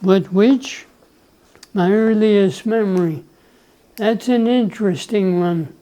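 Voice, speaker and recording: In a relaxed life-story interview, a grandfather in his nineties from El Salvador, a native Spanish speaker, unhurriedly tells his grandchild about his life, often clearing his throat and chuckling. His voice is high-pitched and warm, and the recording is rough.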